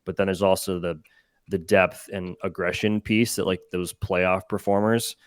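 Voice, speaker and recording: A man's voice: low voice, moderate pace, no room sound, studio quality. A young man talking as a guest on a sports podcast, telling stories casually and acting out what people said. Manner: animated, acts out quotes in his stories. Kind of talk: casual storytelling.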